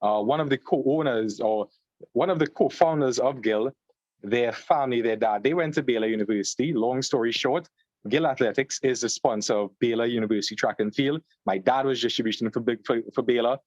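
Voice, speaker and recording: A young man from Trinidad and Tobago with a Trinidadian accent, a guest on an interview podcast, telling his story in a relaxed way, joining over a video call. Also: medium pitch, brisk, dry recording. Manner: relaxed storyteller, fillers, "long story short". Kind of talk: conversational interview. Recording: slightly dull, dry call audio.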